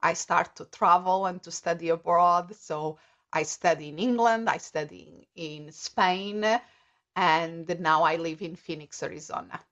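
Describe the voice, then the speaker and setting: A middle-aged woman with a Portuguese accent, a native Portuguese speaker, speaking as an interview guest in a thoughtful, measured way as she searches for words. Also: on the low side, a bit bright, dull audio. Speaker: guest, coach. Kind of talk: casual interview.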